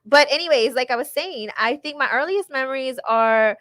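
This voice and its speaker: A woman with a fairly high voice talks as a guest in a casual chat. She is talkative and emphatic, and the sound is dry, with very little room in it. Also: moderate pace, fairly bright tone, no room sound. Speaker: podcast guest, ring announcer.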